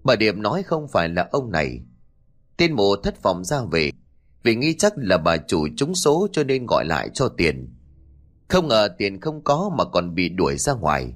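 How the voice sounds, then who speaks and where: A man's voice: fairly low pitch, sing-song, a little slow. A man narrating a horror story with dramatic delivery.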